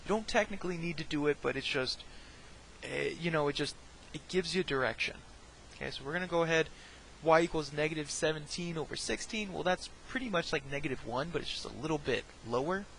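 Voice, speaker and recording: A man's voice: on the high side, a little fast, creaky, fairly bright tone, slight background noise, low-quality recording. A man teaching a recorded math lesson, talking each step through, often checking in with "right?" and dropping jokey, self-deprecating asides.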